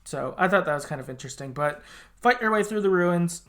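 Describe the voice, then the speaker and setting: This male podcast host speaks high and brisk, with an expressive, fairly bright tone. His recap of a game's story is informal and chatty, occasionally profane and full of offhand remarks.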